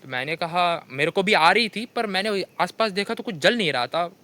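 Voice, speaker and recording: A young man with a Hindi accent tells comic stories of his kitchen mishaps, constantly saying "bhai sahab" in an animated monologue. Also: sits high, moderate pace, no echo. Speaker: comedian telling funny stories. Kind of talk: stand-up storytelling monologue.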